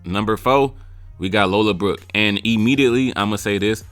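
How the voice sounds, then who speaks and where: A young man with a lowish voice reviews music on YouTube, ranking freestyles in brisk, casual commentary. He is blunt and joking, sometimes mimicking rappers' lines, and the recording is dry.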